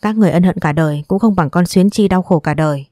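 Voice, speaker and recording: A woman's voice: on the low side, quick pace, dark tone, dry recording, studio quality, natural voice. A woman reading as a stern, reproachful middle-aged man. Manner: scolding, bitter.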